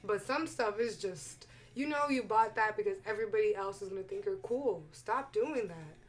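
A woman's voice: mid-range voice, moderate pace. A young woman talking casually as a podcast guest, opinionated and emphatic, laughing often. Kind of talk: casual chat.

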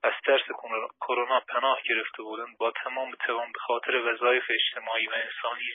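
A man giving an earnest, formal prepared statement as an activist over a telephone, with a slightly husky voice. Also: mid-range voice, little pitch movement. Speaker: imprisoned labour activist. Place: phone call from prison. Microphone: telephone handset. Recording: tinny, muffled phone line.

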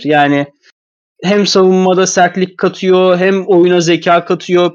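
A man's voice: sits high, no echo, lo-fi sound. A man sick with a cold, his voice thick and stuffy, giving casual, rambling basketball analysis as a podcast commentator. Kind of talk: casual sports analysis talk.

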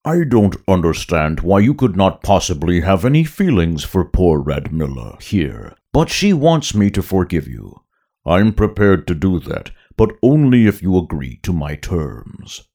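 A man voicing a huge, pompous male slug gangster lord in a story reading, slow and self-satisfied. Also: low-pitched, sing-song, warm tone, heavily acted. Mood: menacing.

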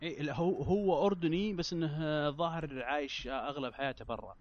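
A man chatting casually as a panelist, halting and repeating himself insistently. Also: a little high, lo-fi sound. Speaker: panelist on a film discussion show. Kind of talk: casual chat.

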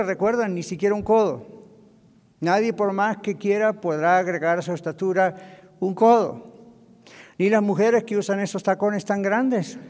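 A man's voice: high-pitched, darkish tone, long reverb tail. A male pastor with a Latin American Spanish accent, preaching on marriage in a chatty way, often asking the congregation to follow along. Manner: conversational preaching with asides to the congregation. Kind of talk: sermon on marriage. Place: church hall.

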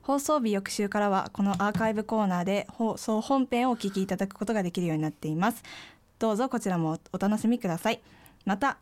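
A woman's voice: mid-range voice, a little mellow. A young woman hosting a student radio show, chatty and giggly. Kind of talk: casual radio chat.

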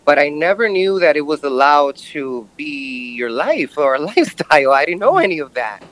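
A male-sounding voice in the early thirties, from Brooklyn, giving a personal interview in a halting, reflective manner. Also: fairly high pitch, sing-song, fairly bright tone, rough recording. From Brooklyn, New York. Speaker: podcast guest.

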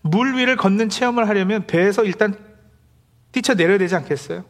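A man's voice: high voice, brisk, a bit bright. A middle-aged male pastor giving a conversational sermon, now and then acting out the complaints of believers in quotes.

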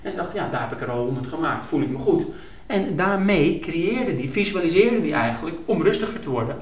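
A man, a youth football coach, telling stories animatedly in a casual conversation. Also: fairly high pitch. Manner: animated storyteller, quick to jump in. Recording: roomy.

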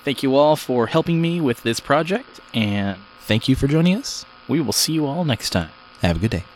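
A man's voice: mid-range voice, very animated, moderate pace, slight background noise, rough recording. A man reading the credits and thanks at the close of the show. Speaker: show producer. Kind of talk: scripted outro credits.

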